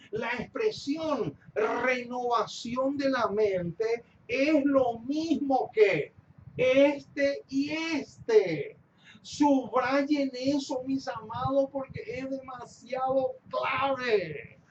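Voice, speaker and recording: A man preaching a sermon, stressing key phrases by repeating them and speaking warmly to his congregation as his beloved. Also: very high voice. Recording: dull lo-fi recording with faint noise.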